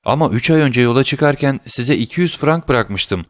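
A man's voice: medium pitch, expressive, normal speed, no echo, clean studio sound, voice pushed up, lightly acted. A man doing an eager young sailor son. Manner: earnest, emotional pleading.

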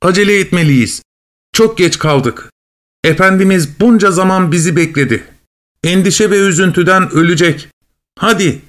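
A clever, bossy storybook cat, put on by a male reader, raised well above his own voice. She gives orders with urgency and sharp resolve. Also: high-pitched, moderate pace, pitched above the performer's own voice. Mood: urgent. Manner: urgent, commanding. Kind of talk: storybook reading.

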